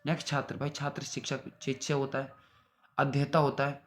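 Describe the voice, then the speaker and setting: A man's voice: mid-range voice, completely flat delivery, a little fast. A young man teaching exam-prep vocabulary, repeating word lists and checking in with his students after each one. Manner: repetitive, drilling word lists with "theek hai bhai". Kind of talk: synonym revision lesson.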